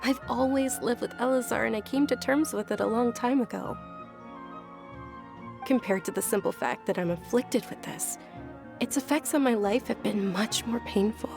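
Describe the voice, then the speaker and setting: A woman voices a gentle, frail young noblewoman in a video game, speaking softly and politely with earnest, measured delivery. Her natural, mid-range voice carries some vocal fry.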